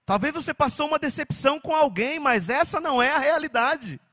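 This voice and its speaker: A man preaching a sermon as pastor, animated, slipping into mocking quoted voices. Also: extremely high pitch, brisk.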